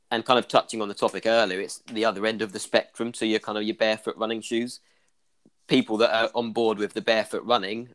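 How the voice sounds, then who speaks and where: A man with an Irish accent, a clinician explaining running injuries in a casual podcast chat, full of "kind of" fillers. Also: on the low side.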